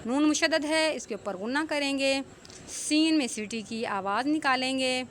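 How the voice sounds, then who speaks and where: High-voiced woman teaching slow recitation. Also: fairly bright tone, a little hiss or hum. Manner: explains rules plainly, then recites words very slowly and stretched. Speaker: Quran tajweed teacher. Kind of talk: online tajweed lesson with slow drawn-out recitation.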